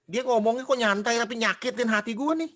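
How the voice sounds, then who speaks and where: A man preaching a casual sermon, animated, quizzing the congregation and mimicking gossiping people. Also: very high-pitched, brisk.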